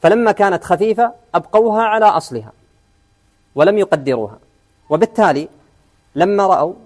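A man's voice: high voice, expressive, brisk. Man teaching Arabic grammar to students. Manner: questions the students often, repeats key words. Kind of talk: classroom lesson.

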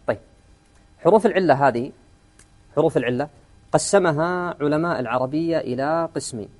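A man's voice: fairly high pitch, fairly quick, darkish tone. A man teaching an Arabic grammar lesson in class, often quizzing his students and repeating key words.

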